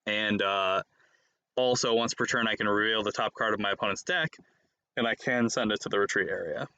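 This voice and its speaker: A man chatting his way through a card game on a stream, playful and teasing, quick to burst into excited laughter. His voice sits a little low but sounds strikingly bright and forceful. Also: clean tone, no echo. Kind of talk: casual chat while playing a card game.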